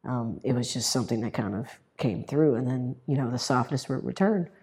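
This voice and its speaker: A woman sharing a personal story in a halting way, with many fillers and restarts. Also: a bass voice, dark tone. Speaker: guest sharing her experience. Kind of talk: personal testimonial.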